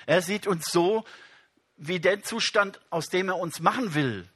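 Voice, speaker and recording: A man's voice: high voice, measured pace, a bit bright, husky. A man preaching a sermon, speaking straight to his congregation and reading scripture aloud with emphasis.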